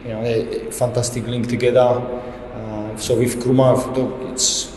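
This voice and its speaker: A head football coach in his thirties responds to reporters at a post-match press conference via a table microphone, using fairly plain speech with frequent restarts. He speaks at a measured pace in a level, medium-pitched, darkish voice, with a little hiss or hum and echoey room reverb.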